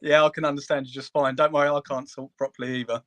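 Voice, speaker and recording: A man's voice: medium pitch, little pitch movement, fast talker, a bit bright. A man hosting a casual live audio chat on his phone, talking in a hesitant, self-deprecating way.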